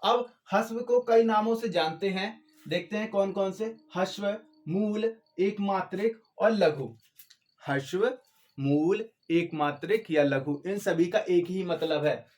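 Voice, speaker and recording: A man's voice: high voice, a little mellow. A man teaching grammar in a lecture style. He asks his own questions and answers them, repeats the key terms, and stretches out sounds to show how long a vowel lasts. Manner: drawn-out syllables to demonstrate vowel length.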